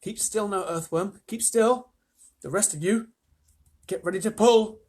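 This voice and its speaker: A storyteller voicing a brave, commanding young boy hero with urgent, excited delivery in a children's storybook. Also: mid-range voice, unhurried, breathy edge, pitched above the performer's own voice. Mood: hushed, urgent. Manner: urgent whispers and shouted orders.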